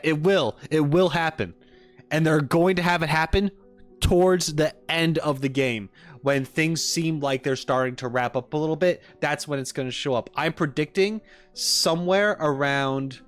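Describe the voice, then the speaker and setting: Slightly high and a bit bright, this man's voice belongs to a livestreamer casually reacting and chatting with viewers, rambling along with joking asides.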